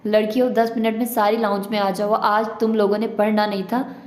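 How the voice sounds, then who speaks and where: A woman reading aloud, voicing a busy, caring older brother who talks briskly and offhandedly. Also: medium pitch, level tone, reverberant, natural voice.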